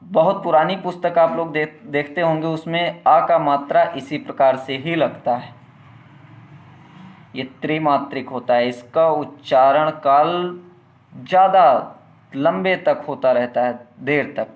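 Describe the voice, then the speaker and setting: Man giving a class lecture, a touch high-pitched, drawn-out sound demonstrations. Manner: asks the class questions and answers them himself; stretches words out slowly when demonstrating sounds. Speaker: teacher.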